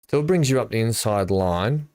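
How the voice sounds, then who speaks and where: A man's voice: fairly low pitch, lively intonation, normal speed, darkish tone, no echo, clean studio sound. Chatty man streaming a game. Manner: chatty, thinking aloud while building. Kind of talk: live gameplay commentary.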